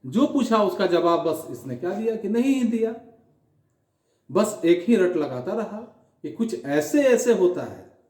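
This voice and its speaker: High-voiced male teacher explaining. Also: darkish tone. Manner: repeats and paraphrases for students. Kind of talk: explaining a textbook play to a class. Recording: echoey room.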